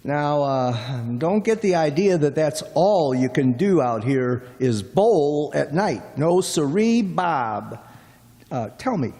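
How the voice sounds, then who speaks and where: Radio play: man as middle-aged small-talking cab driver, folksy drawl, slightly high voice. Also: lively intonation, slow pace, warm tone. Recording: long hall reverb.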